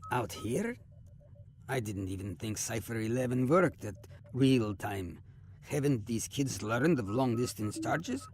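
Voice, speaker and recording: A man's voice: medium pitch, animated, a little slow, a little mellow, close to an everyday voice. A man playing a wry, teasing, loyal starship captain in a science fiction audio drama.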